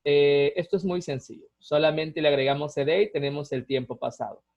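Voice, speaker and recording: A man giving a recorded lesson, explaining grammar rules patiently step by step, often checking in with a quick tag question. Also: a little high, fairly even intonation, darkish tone. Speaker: teacher. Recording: dull lo-fi recording.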